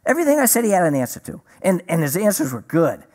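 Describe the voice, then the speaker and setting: A man preaching a sermon, telling a personal story in a lively way and acting out the conversations in it. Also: high voice, fast talker. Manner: animated storyteller, acts out dialogue.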